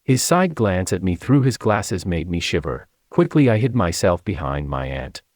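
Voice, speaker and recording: Casting: low-voiced man, expressive memoir narrator, lively delivery. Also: normal speed, no room sound, studio quality. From China. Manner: expressive storytelling.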